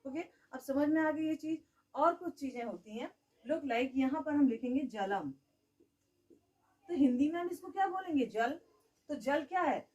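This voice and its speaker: A woman's voice: sits high, animated, moderate pace, a little mellow, recorded from a distance, dull audio. A woman teaching a grammar lesson. She keeps asking the class questions and answering them herself, and she says "okay" often.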